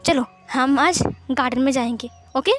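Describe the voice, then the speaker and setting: A woman's voice: high voice, moderate pace, a bit bright. A woman voicing a stern but doting mother who scolds firmly. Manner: scolding, firm. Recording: faint background music.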